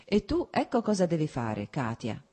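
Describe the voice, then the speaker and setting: A gruff old prince, wry with his daughters and blustering in his anger, read by a woman narrator. The voice is low and husky, dark in tone. It comes from a storybook reading. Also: huge pitch swings, moderate pace, full character voice. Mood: teasing. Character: gruff teasing elderly prince, a father.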